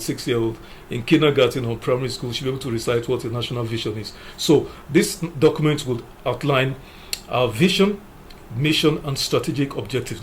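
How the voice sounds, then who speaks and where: Male commentator, mid-pitched, forceful and methodical, faint noise behind. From Nigeria. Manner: emphatic, lists numbered points, frequent "you know". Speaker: political commentator. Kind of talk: opinion commentary.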